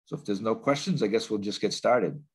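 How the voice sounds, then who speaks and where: Stuffy with a bit of a cold, a man gives a training webinar from his home office over a laptop video call, speaking in loose sentences with many fillers and restarts. His voice is on the low side, brisk and slightly rough.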